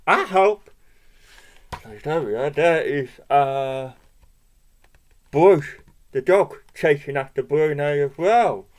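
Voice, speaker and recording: A man with a fairly high, darkish-toned voice reads a children's picture book aloud at a slow pace. As the storybook reader, he asks the listener questions and points out the pictures.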